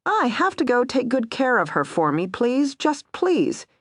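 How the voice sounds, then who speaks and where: A woman's voice: on the high side, very animated, unhurried, dry recording, clean studio sound, pitched above the performer's own voice. A woman voicing a desperate grieving ex-cop. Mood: pleading. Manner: hoarse, pleading.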